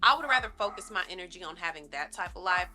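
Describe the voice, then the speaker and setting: Bright, forceful woman vlogger chatting encouragingly. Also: fairly low pitch, expressive, fast talker, soft background music. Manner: conversational, encouraging, emphatic, addresses viewers as y'all. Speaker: lifestyle vlogger. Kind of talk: casual chat, listing self-help tips to viewers.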